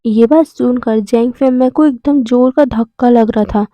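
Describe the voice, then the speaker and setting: A woman's voice: a little high, moderate pace, no echo. A woman retelling a fan fiction story, reading out every character's lines in her own voice. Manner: narrates and reads all characters' lines in the same voice. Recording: dull, lo-fi, dry recording.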